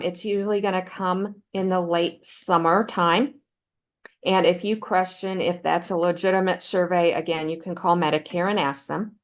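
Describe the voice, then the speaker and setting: Woman counselor, lowish voice, steady explanatory webinar delivery over muffled lo-fi audio. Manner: explanatory, steady, uses "um" fillers. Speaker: Medicare counselor presenter. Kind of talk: informational presentation with slides.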